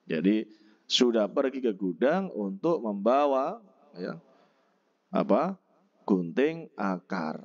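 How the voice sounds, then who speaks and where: A man teaching a textbook vocabulary lesson, slowly explaining and repeating each word and its pronunciation. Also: fairly low pitch, very animated, lo-fi sound. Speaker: Korean language teacher.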